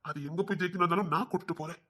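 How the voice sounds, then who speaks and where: A man playing a caring, protective young man who speaks gently and reassuringly. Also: sits high, fairly even intonation, rapid-fire.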